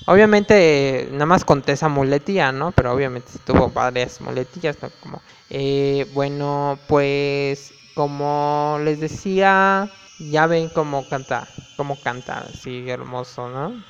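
A man's voice: on the high side, fairly even intonation, unhurried, hardly any pauses, a little hiss or hum. A young man telling gossipy student stories in a chatty way full of fillers. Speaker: student vlogger. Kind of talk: casual storytelling. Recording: dull lo-fi with reverb, faint music.

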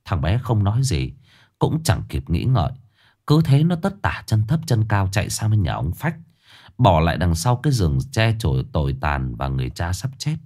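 A male storyteller reads a ghost story with dramatic, expressive delivery. His voice sits fairly low yet moves up and down with lively swings. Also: moderate pace.

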